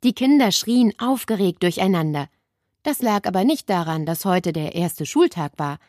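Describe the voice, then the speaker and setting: A woman narrating a children's story with expressive storytelling. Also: on the low side, normal speed, dry recording, studio quality.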